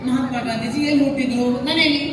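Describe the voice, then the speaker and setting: A woman's voice: a little high, fast, background noise. A woman performing a stage comedy dialogue with her puppet, teasing it with questions. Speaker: ventriloquist performer. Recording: echoey hall from far off, with a crowd.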